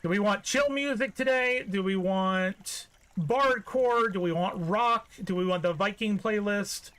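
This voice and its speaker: A man's voice: high-pitched, unhurried, fairly bright tone, smooth. A man streaming a farming game, chatting casually with his viewers while he plays. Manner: chatty, talks to the live chat. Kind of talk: casual gameplay commentary.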